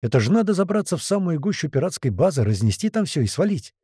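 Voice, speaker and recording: A man doing a steady veteran fighter who assesses things with cool calm. His dark tone rises and falls freely, read in a dry close sound. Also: fairly high pitch, fast talker, slightly rough, no echo, voice pushed up. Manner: calm, matter-of-fact. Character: calm seasoned male fighter.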